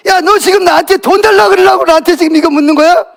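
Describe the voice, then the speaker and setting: Man voicing a curt, worn-out father, high-pitched and brusque, storybook dad in a sermon. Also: animated, moderate pace, a bit bright. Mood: irritated. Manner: curt, snappish. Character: tired irritable working father in his thirties.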